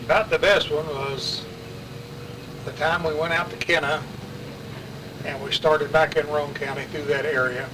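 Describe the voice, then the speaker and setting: Here an older West Virginia man with an Appalachian accent reminisces about his family as an interviewee, his casual oral-history talk rambling, colloquial and folksy. The voice is a little high and steady, moving at a measured pace with long pauses. A distant mic picks him up, along with clearly audible outdoor traffic.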